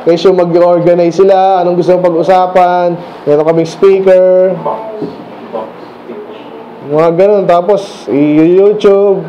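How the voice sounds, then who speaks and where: A high-pitched male pastor with a mellow, darkish tone preaches to his congregation, reading verses slowly and then explaining them in quick, casual back-and-forth questions. The recording is dull and lo-fi, with faint hiss and birds outside. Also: fairly even intonation. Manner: reads scripture slowly, then talks fast and casually. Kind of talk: sermon.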